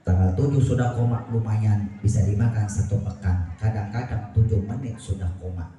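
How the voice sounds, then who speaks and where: Man, preacher, Indonesian accent, booming hall reverb, faint music behind. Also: normal speed. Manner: addresses audience directly with repeated questions, swings between soft and loud. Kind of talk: lively sermon with jokes. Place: small prayer hall. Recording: very echoey prayer hall with music.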